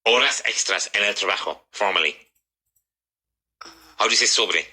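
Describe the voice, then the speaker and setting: Bright-voiced man teaching English. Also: lowish voice, breathy edge, low-quality recording. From Ireland. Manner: brisk, corrective, encouraging. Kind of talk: classroom drilling.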